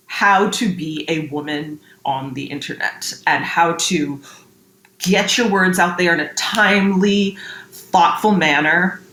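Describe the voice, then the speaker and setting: A woman's voice: on the low side, a bit bright, a little hiss or hum. A woman from the United States, a guest in a casual interview, talking chattily with frequent laughs and fillers like "like" and "um". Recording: roomy echo.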